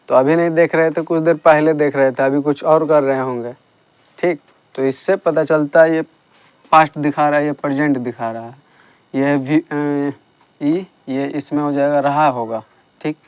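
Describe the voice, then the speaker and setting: Slow, smooth-voiced male teacher. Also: a little high, steady tone, darkish tone, no echo, dull audio. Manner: slow, patient explaining with repeated checks. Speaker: English teacher. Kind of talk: classroom grammar lesson.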